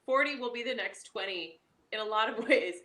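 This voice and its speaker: A woman's voice: on the high side, a little fast, sharp tone, slight background noise. A woman in her late thirties, a guest in a casual chat, talking playfully and laughing often. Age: 30s.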